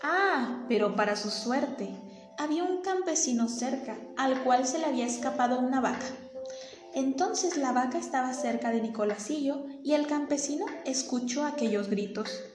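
A woman narrating a folk tale in an expressive, dramatic way, taking on the characters' voices. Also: high-pitched, normal speed. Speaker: storyteller. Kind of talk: storybook narration with acted voices. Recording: echoey room with faint music.

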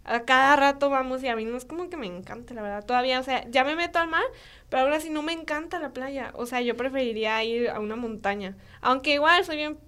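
A woman's voice: high-pitched, fast, clean tone. A young woman with a Mexican Spanish accent, a podcast guest telling stories in casual chat, acting out voices with lots of fillers. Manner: animated storytelling, acting out dialogue, frequent fillers.

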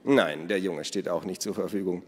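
A composed, dry-witted father of two who answers in few words, played by a male storyteller. His voice is low and steady, close to the reader's own. A long hall reverb hangs behind it. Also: moderate pace, close to an everyday voice. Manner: dry and understated. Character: calm, dry-witted father, a famous tracker.

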